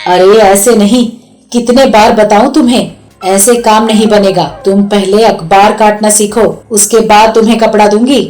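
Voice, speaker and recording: A woman's voice: mid-range voice, steady tone, normal speed, darkish tone, soft background music, close to an everyday voice. A woman voicing an exasperated, strict sewing teacher who lectures in a cartoon story.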